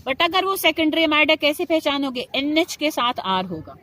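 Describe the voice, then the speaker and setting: A woman's voice: high-pitched, sing-song, normal speed, sharp tone. A woman teaching chemistry in speech, lecturing students in a classroom style, often asking them questions and answering them herself. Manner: addresses students affectionately, asks and answers her own questions.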